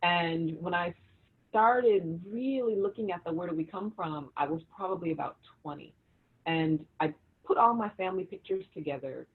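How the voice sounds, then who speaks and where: A woman's voice: lowish voice, normal speed, husky. A woman co-hosting a livestream, telling her family research story with many restarts over a video call. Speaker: co-host and author. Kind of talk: casual livestream conversation. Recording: tinny phone-like video call audio.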